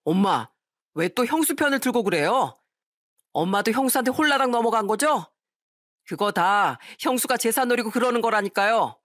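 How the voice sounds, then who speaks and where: A woman's voice: fairly high pitch, animated, normal speed, fairly bright tone, dry recording, clean studio sound, voice pushed up. A woman reading an audio story, voicing a greedy grown son who whines back at his parents. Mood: defensive.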